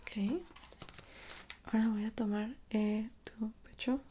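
A young woman with a Mexican accent in an ASMR role-play as a dressmaker, speaking softly and attentively straight to the listener. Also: fairly high pitch, steady tone, slight background noise. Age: young adult. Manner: soft, unhurried, attentive, speaking directly to the listener. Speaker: ASMR performer playing a dressmaker. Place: small indoor room at home.

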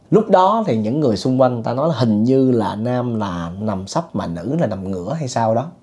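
A man's voice: mid-range voice, dark tone. A man, casually telling a true ghost story in a conversational way, with fillers and chuckles.

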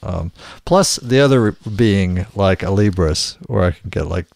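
Podcast co-host, man, deep-ish, halting casual delivery with fillers. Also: animated, creaky, a little mellow, no room sound, studio quality. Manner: hesitant, many restarts and fillers. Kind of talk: casual chat, reading book excerpts aloud.

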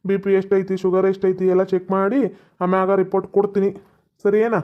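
A man's voice: high voice, monotone, a little fast, natural voice. A man voicing a boastful, reassuring village doctor in a cartoon. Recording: dull lo-fi sound.

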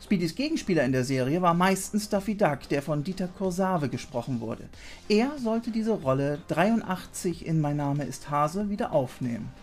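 Speaking at normal speed with lively intonation, this man's voice sits on the high side. He's in his thirties, the host of a retro TV channel, reading a scripted piece about voice actors that mixes information with playful, chatty digressions. The setting is a small room whose shelves are packed with videos and toys, and he uses a studio mic mounted on a boom arm.

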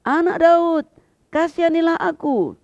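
A man voicing a blind male beggar who cries out desperately in loud, high pleading calls, heard on a slightly dull recording. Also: a little slow, dry recording.

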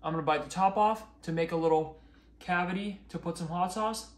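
A man's voice: on the high side, steady tone, brisk. A young man chatting upbeat to camera as a food vlogger, talking while he chews. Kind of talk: casual chat to camera. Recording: echoey room with faint music.

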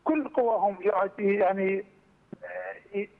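A man's voice: high-pitched, gravelly. A man from Iraq with an Iraqi accent, calling in over a headset phone line to argue his point earnestly. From Iraq, Kirkuk. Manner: earnest, argumentative, fast. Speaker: caller. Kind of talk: call-in political comment. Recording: thin phone line, distant, reverberant.

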